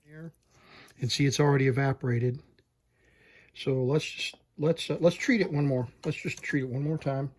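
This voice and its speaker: Speaking at a medium pitch in a steady tone, this man, a repair technician, walks through a hands-on fix. He's slow and plain-spoken, thinking out loud while working.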